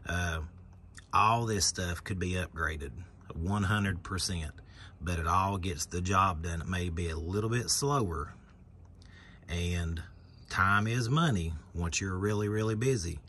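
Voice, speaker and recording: Deep-voiced man showing his work truck. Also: unhurried, fairly bright tone, slight background noise. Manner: plainspoken, defensive toward critics. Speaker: pressure washing business owner. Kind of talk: casual walkthrough vlog. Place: outdoors by a pickup truck bed. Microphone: phone camera held by the speaker.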